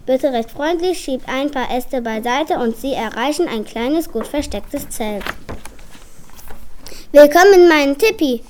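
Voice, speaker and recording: High-voiced woman reading a children's story. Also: a little slow, few pauses, a little mellow, slight background noise.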